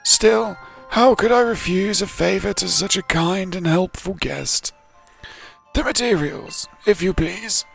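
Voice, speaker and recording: Man doing a fussy, gravelly, courteous village mayor. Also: sits high, a little slow, a bit bright, exaggerated voice. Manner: formal, courteous, put-on British phrasing. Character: polite fussy village mayor, apologetic and old-fashioned. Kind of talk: reading game dialogue aloud. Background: faint game music.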